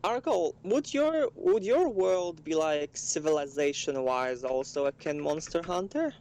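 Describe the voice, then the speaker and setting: A man's voice: a little high, expressive, measured pace, a little mellow. A man with a slightly raised voice, asking questions to check the rules and the setting. Faint noise sits under his line. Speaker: player. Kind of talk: casual chat asking questions.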